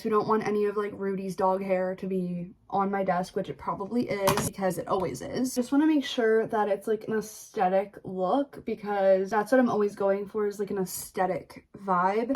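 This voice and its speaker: A woman's voice: mid-range voice, slight background noise. A young woman chatting casually through a home vlog, talking to the camera and filling her sentences with "like". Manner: chatty, says "like" a lot. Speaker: influencer vlogger. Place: home, bedroom and bathroom.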